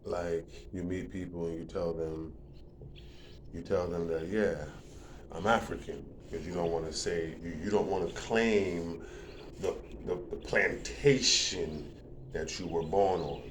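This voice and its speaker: A man's voice: deep voice, steady tone, unhurried, slight background noise. A man giving a casual, rambling monologue, often repeating words and building to emphatic points.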